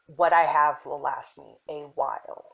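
A young woman casually showing her herb collection, soft-spoken and unhurried, with fillers and self-corrections that sometimes drop into a whisper. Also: low-pitched, steady tone, creaky, narrow, tinny audio, noisy background. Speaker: apothecary shop owner. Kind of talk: casual show-and-tell.

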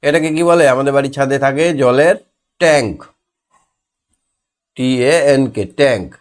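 A man's voice: medium pitch, moderate pace. Patient man spelling words for children. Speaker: primary school teacher. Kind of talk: homework lesson for young children.

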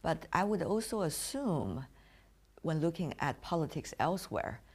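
A woman with a very low-pitched voice works as an interviewer. She puts formal questions at length, in a measured and deliberate way. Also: big pitch swings, a little mellow, slightly rough.

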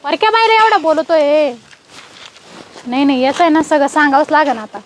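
A woman playing a strict, domineering female police officer who scolds with rapid questions. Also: high voice, animated, slight background noise. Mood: scolding. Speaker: police officer in a comedy skit.

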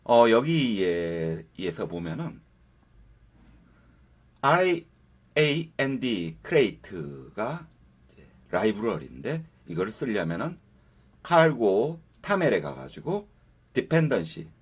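A man's voice: on the low side, sing-song, slow pace, long pauses, slightly rough. A man giving a casual, step-by-step coding tutorial over a screen recording, talking viewers through each step. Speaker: programming instructor.

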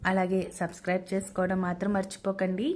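A woman's voice: mid-range voice, monotone, fast, a little mellow. Woman narrating a family story.

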